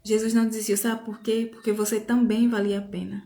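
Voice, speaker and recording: Brief: a soft, encouraging God as a woman quotes him, hushed and tender, in a roomy echo. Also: a little high, flat delivery, a little fast, close to an everyday voice. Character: gentle, reassuring male God speaking to the heart.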